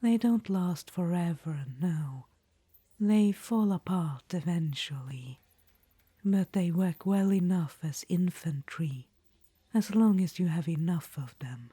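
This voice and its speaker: This woman's voice sits low, dark in tone and slow in delivery, with no echo around it. She breathes out a whisper as an ancient, vain undead witch-queen in audio roleplay, languid and conspiratorial, addressing the listener as darling.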